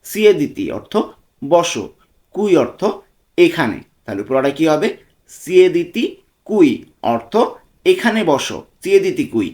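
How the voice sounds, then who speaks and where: A man tutoring a language lesson, slowly repeating short phrases and their meanings. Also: fairly high pitch, sing-song, darkish tone. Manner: slow, repetitive drilling of phrases with translations.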